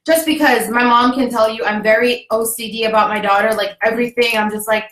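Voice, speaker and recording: A woman's voice: fairly high pitch, steady tone, brisk, a bit bright. A young woman from Jamaica hosting a casual livestream, upbeat and chatty, laughing often. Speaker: host. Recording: echoey room.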